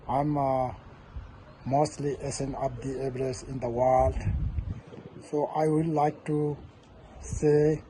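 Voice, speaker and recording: Man, from Nepal, mountaineer, short greeting, halting simple English, slow, flat, very dark voice. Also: medium pitch, a little hiss or hum, low-quality recording. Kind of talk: recorded video greeting.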